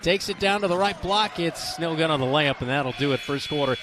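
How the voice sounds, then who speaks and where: A male play-by-play announcer calls a high school basketball game, brisk and excitable with joking banter. The broadcast comes from the gym, with loud crowd noise behind him.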